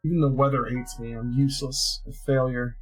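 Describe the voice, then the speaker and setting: A man reading aloud and voicing a bullied, despairing young girl who speaks quietly and with self-pity. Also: mid-range voice, little pitch movement, fairly quick, breathy edge, lightly acted.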